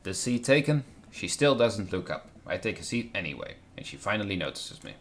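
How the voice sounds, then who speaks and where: Reading the visual novel a little fast, the streamer sounds very animated in his lowish voice. He interjects dry jokes about the writing, with a faint hiss from the live stream behind him.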